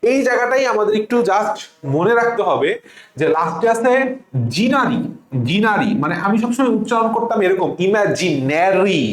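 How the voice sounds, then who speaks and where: A man with a Bangladeshi accent teaching a spelling lesson for exam prep, slowly drawing out each word letter by letter. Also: high-pitched, animated. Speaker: English teacher. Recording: echoey room.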